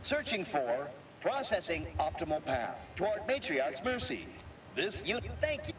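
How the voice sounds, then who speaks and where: Robot booting up with errors. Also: male voice, a little high, sing-song, distant mic, noisy background. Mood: glitchy. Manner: halting, stuttering machine announcements. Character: malfunctioning robot unit rebooting, lost and formal. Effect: robot booting up, error and systems-online announcements. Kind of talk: video game character dialogue.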